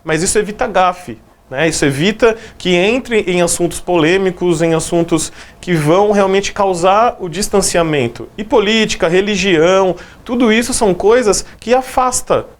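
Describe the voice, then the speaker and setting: A man's voice: sits high, normal speed, hardly any pauses. A man with a Brazilian Portuguese accent, a psychologist giving a conversational sales training lecture, often checking in with his listeners. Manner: conversational, frequent "né?" and "beleza?" check-ins.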